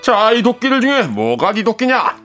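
A lazy old mountain spirit, wildly swooping between grand, archaic pronouncements and fed-up grumbling, as a performer plays it. The voice sits mid-pitch for its kind. Faint music plays underneath. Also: big pitch swings, normal speed, a bit bright. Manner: pompous archaic speech, breaks into lazy grumbling.

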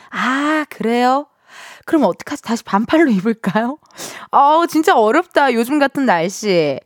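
A woman radio DJ chatting casually and playfully in a studio, expressive and self-teasing as she hosts. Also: a little high, dry recording. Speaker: radio DJ, show host. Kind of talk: casual chatty radio hosting, reading listener messages.

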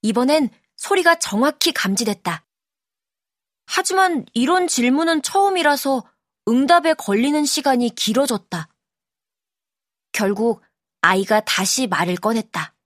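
A woman's voice: high voice, dry recording. Dry-voiced woman reading an audiobook. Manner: calm, measured storytelling. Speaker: audiobook narrator. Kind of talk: scripted narration.

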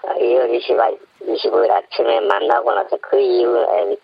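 A man giving an anonymous phone interview as an informant, his voice disguised by a pitch-altering voice changer. He speaks haltingly, with repeated fillers and restarts. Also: wildly swooping pitch, creaky. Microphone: telephone. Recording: muffled phone line.

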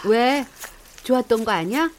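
A woman's voice: on the high side, moderate pace, lightly acted. A middle-aged woman playing an emotional, talkative daughter who is overjoyed to find her mother again, in an audio drama. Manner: emotional, chatty, animated.

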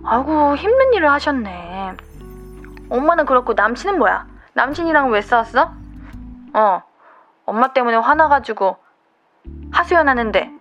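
Female DJ, tender consoling monologue, slightly high, light music bed behind. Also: very animated, moderate pace, long pauses, lo-fi sound. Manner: gentle, soothing, consoling. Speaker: radio DJ. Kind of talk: scripted comforting monologue.

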